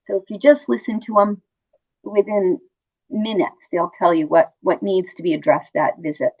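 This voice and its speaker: A woman's voice: medium pitch, moderate pace. A middle-aged woman, a nurse being interviewed, talking conversationally and telling personal stories, repeating words for emphasis. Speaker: hospice nurse interview guest. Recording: muffled phone-like line.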